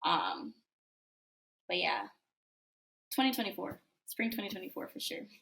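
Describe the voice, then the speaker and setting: Bright-voiced young woman chatting over a call. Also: medium pitch, big pitch swings, a little slow, gravelly. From United States. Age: 20s. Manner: chatty, upbeat, lots of fillers. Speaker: guest, college student. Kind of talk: casual interview chat. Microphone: video call.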